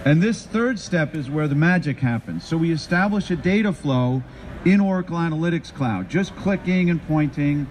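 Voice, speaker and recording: On a trade show floor, a middle-aged conference presenter delivers a live tech talk through a handheld mic at normal speed, his voice on the high side, slightly mellow, with lively intonation. Upbeat, he puts questions to the crowd. Faint floor noise is present.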